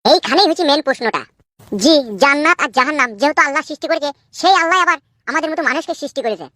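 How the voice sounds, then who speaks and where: A woman's voice: high voice, lively intonation, rapid-fire, fairly bright tone, dry recording. A woman voicing an uneducated young man who earnestly rambles about the meaning of life in a comedy cartoon.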